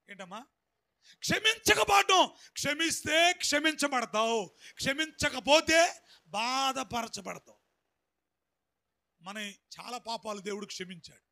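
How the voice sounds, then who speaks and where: A male pastor preaching a sermon. He tells a story in a soft voice, then shouts calls for his congregation to answer. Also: very high-pitched, vocal fry. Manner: call-and-response preaching, swings from soft storytelling to shouted exhortation.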